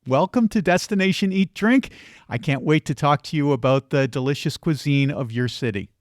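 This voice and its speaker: A man hosts a podcast, speaking in a friendly, well-measured way as he introduces his guest and asks questions. His voice sits a little high for a man. The sound is dry and close to the mic. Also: no room sound. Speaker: podcast host. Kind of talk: podcast interview.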